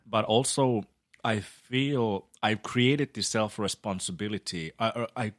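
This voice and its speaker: Earnest man, low dry voice. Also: measured pace, no echo. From Finland. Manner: earnest, thoughtful, with many restarts. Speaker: guest, local election candidate. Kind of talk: casual podcast chat.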